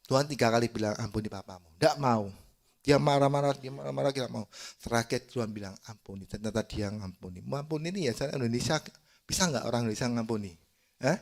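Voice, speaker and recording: A male evangelist, preaching a sermon in an emphatic style that swings from soft to loud and asks the congregation questions. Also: medium pitch, fast talker, creaky. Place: church service.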